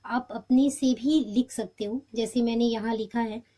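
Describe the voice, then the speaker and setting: Woman teacher, mellow warm tone, slightly high voice, step-by-step explanation. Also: steady tone, unhurried. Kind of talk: homework walkthrough lesson.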